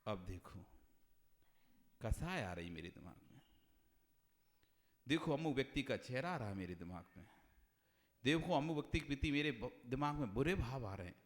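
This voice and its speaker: A male monk giving a devotional sermon on meditation, dropping to hushed asides and then rising to loud, repeated exhortations. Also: very animated, normal speed, pauses often. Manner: swings between hushed low asides and loud high exhortation, repeats phrases. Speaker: Jain monk preacher. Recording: reverberant hall sound.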